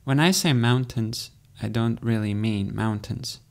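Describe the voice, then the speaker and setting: Gravelly-voiced man narrating calmly. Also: medium pitch, unhurried. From Latvia. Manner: calm, dry, matter-of-fact storytelling. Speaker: cyclist recounting a race. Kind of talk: scripted narration.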